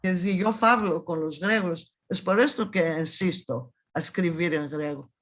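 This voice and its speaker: At normal speed and in a lowish voice, a woman in her seventies from Thessaloniki, Greece, talks as a guest historian in a conversational interview. She has a Salonica Judeo-Spanish accent and is insistent and emphatic, often beginning phrases again.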